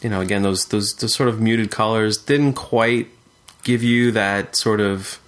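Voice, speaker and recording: Low-voiced man in casual podcast chat. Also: fairly even intonation, a little slow. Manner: thoughtful, hedging, frequent fillers and restarts. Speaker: podcast co-host discussing retro games.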